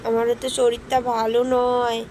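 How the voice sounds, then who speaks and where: A hoarse woman with a cough, a mother talking baby talk to her little son, gently teasing and scolding him with repeated questions. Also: a little high, little pitch movement, slight background noise. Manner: slow, sing-song questions to a baby.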